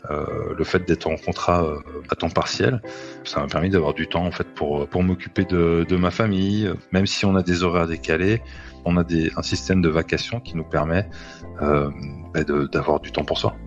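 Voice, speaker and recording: A man's voice: low-pitched, steady tone, normal speed, faint music behind. A man in his thirties giving a testimony about his work, hesitant and full of fillers. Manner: hesitant, many fillers and restarts. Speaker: assistance worker interviewee. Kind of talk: recorded testimony. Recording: dull lo-fi sound.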